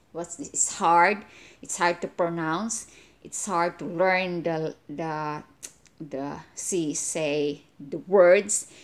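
A woman from the Philippines, a native Cebuano speaker with a Filipino accent, giving an unscripted explanatory talk in a halting, repetitive way with emphasis on key words. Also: on the low side. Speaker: religious language teacher. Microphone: phone at arm's length.

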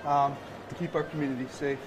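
A middle-aged man, a first responder, giving plain, halting interview answers while exercising in a gym. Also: a little high, flat delivery. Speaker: crisis response team member being interviewed. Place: indoor gym, on a stair climber. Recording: noisy gym with machines behind.

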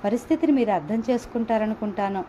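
Woman voicing a gentle apologetic husband, soft, coaxing, pleading, audio story, fairly high voice, muffled lo-fi sound. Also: animated, fast, slight background noise, lightly acted. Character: gentle, apologetic married man.

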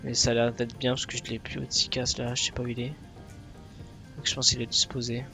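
A man's voice: mid-range voice, monotone, brisk, gravelly, pushed and bright. Male tutorial presenter, mid-range voice, casual commentary, light music in background. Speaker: flight simulator tutorial presenter.

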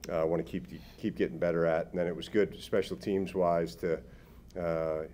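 Deep-voiced upbeat coach at a press table. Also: male voice, level tone, moderate pace, dark tone, a little hiss or hum. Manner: upbeat, talks in coaching phrases. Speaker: head hockey coach. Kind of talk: postgame press conference answers. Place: press room, seated at a table. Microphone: table microphone.

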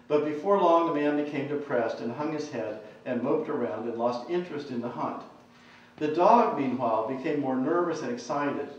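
Male author reading his novel at a talk, measured, far from the mic in a very echoey room. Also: mid-range voice. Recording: echoey, distant, dull lecture recording.

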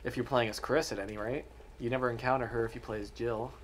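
A man's voice: medium pitch, fairly even intonation, quick pace, a little hiss or hum. A man playing through a horror video game and teasing his friends in casual chat. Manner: dry teasing, playful. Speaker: player of the game.

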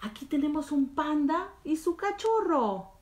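A woman's voice: high-pitched, very animated, a little slow, darkish tone, reverberant. A woman teaching children by reading picture books in Spanish, repeating each line in English and chatting between pages. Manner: reads a line in Spanish, then explains it in English; chatty asides while turning pages. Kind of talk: bilingual picture-book story time.

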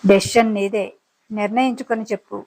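A woman's voice: medium pitch, fairly even intonation, fairly quick, a little mellow, close to an everyday voice, low-quality recording. A woman voicing a fed-up, outspoken young woman in an audiobook story, speaking with irritation and seriousness. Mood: firm. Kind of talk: dramatized audiobook reading.

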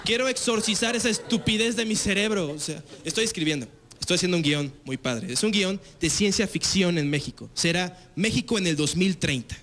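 Performing loose, slang-heavy stand-up peppered with filler tags, this young Mexican man speaks with a Mexican accent to a live audience in a TV studio. His voice sits high and moves fairly quickly.

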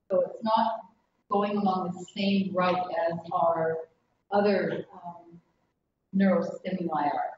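A woman's voice: medium pitch, a little mellow, a little hiss or hum. A woman teaching a class in a casual, chatty way, often laughing as she explains. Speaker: instructor. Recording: echoey, distant, dull classroom recording.

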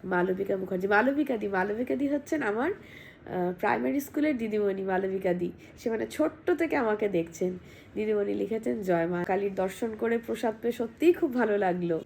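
A woman vlogger, hoarse from a cold, chatting casually at home and reading out viewer comments. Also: medium pitch, lively intonation, a little fast, darkish tone, a little hiss or hum. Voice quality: husky, gravelly.

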